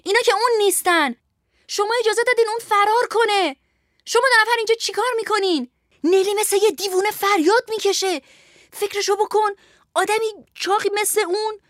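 A woman voicing a panicked young male security guard who yells frantically in a high voice. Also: no echo, clean studio sound.

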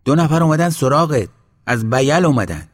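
A man voicing a village man who calls out loudly and urgently in a story reading. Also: a little high, sing-song, long reverb tail, voice pushed up. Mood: insistent. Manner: loud, urgent calling.

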